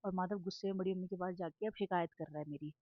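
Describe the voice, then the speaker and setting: A woman's voice: fairly low pitch, fairly even intonation, very fast, phone-quality sound. A young woman chatting casually to her viewers in a home vlog, recorded on a phone, giggly and talkative. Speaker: vlogger. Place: home, kitchen and drawing room. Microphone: phone camera.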